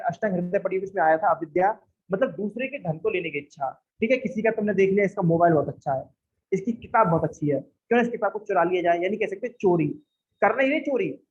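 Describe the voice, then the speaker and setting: A young man lectures like a teacher in a fairly high, husky voice, walking through a text and grounding each point in everyday examples. His speech comes through a dull, muffled recording. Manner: explains with everyday examples and acted quotes, frequent "theek hai".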